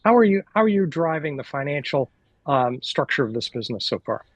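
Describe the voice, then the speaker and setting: A male podcast host with a notably high voice, recorded dry and close. He introduces his guest and asks questions in a friendly, encouraging manner. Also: sing-song, brisk, no room sound, muffled recording. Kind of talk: podcast interview hosting.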